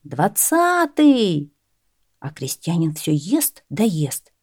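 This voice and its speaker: A woman narrating a folk tale in a measured, expressive storybook reading. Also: fairly low pitch, no room sound, studio quality.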